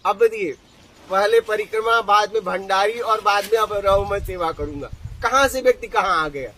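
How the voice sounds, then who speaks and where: Man, spiritual teacher, high-pitched voice, lively storytelling satsang talk, rhetorical questions to listeners, faint birds outdoors. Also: moderate pace, slight background noise, low-quality recording. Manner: animated, asks the audience rhetorical questions.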